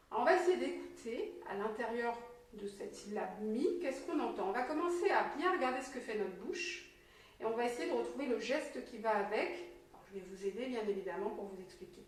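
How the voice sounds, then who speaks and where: A woman teacher giving a slow, encouraging reading lesson to a young child, sounding out syllables clearly. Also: a little high, lively intonation. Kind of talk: patient early-literacy lesson. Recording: very echoey room, mic at a distance.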